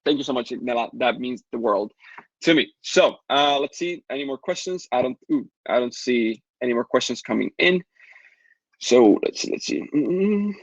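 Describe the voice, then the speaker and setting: A man from the Caribbean with a Latin American Spanish accent, Spanish as his first language, hosting a live webinar Q&A and pitching his course in a fast, upbeat way while answering chat questions. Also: lively intonation, husky, no room sound, dull audio.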